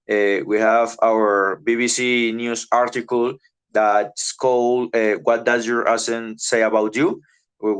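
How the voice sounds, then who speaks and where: A young man presents his part of a class project in a smooth, clear voice that sits a little low. He stumbles often, repeating words and stopping to think as he reads through his points. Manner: halting, many repeated words and pauses. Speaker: student presenter.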